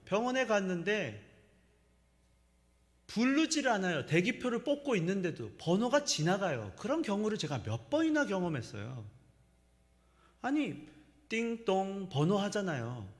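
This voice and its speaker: A middle-aged male pastor preaching a sermon, telling stories and acting out the lines he quotes. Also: high voice. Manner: animated storytelling, acts out quoted lines. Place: church sanctuary. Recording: long church reverb.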